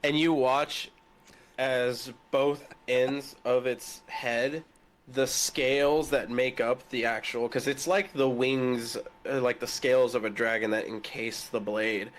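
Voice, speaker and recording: A man's voice: medium pitch, steady tone. A man running a tabletop game as game master, describing the action with frequent laughs, fillers and swearing. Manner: laughs often, loose and profane, halting narration with fillers.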